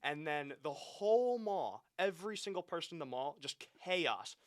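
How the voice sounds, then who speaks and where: A man in his twenties co-hosting a podcast, talking casually with wry, animated jokes. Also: on the high side, moderate pace. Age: 20s. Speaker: podcast co-host. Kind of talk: casual chat.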